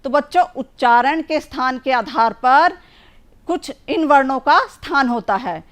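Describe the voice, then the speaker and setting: A woman's voice: high-pitched, lively intonation, unhurried. A woman teaching a children's language lesson, patiently drawing out each sound and word for young pupils. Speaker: primary school teacher.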